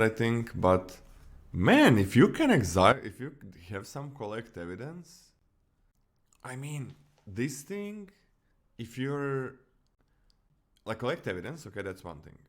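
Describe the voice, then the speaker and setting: A man from Croatia with a Croatian accent, co-hosting a casual card-review podcast, often restarting and correcting himself. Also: mid-range voice. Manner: animated, many restarts and self-corrections. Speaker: podcast co-host.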